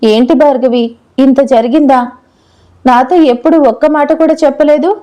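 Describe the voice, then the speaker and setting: A woman's voice: high voice, fairly even intonation, normal speed, mellow, lo-fi sound, lightly acted. A woman voicing a playful, fiery young woman who teases and scolds her friend in a storybook love tale. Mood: angry. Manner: teasing, then heated.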